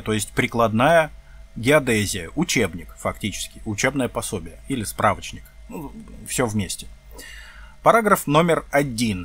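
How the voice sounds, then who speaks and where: A man's voice: medium pitch, a bit bright, no echo. A man reading a textbook aloud in a lesson video, breaking off for plain asides and correcting himself as he goes.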